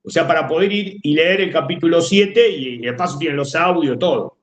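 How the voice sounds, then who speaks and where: A man's voice: fairly high pitch, moderate pace, echoey room. A man teaching a class with a Rioplatense Spanish accent, explaining step by step and often checking that students follow. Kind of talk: classroom lecture.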